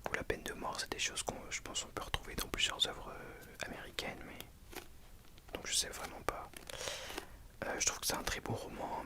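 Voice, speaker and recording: This is a book reviewer speaking to viewers entirely in a hushed library whisper. The voice is breathy and soft, with no real voicing, in an ASMR style. The delivery is hesitant, with thoughts corrected along the way.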